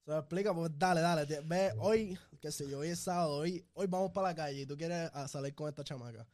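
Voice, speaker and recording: A man's voice: on the high side, a little fast, a little mellow, dry recording, studio quality. A man co-hosting a casual podcast, playfully pushing the others with questions about dating. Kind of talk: casual chat.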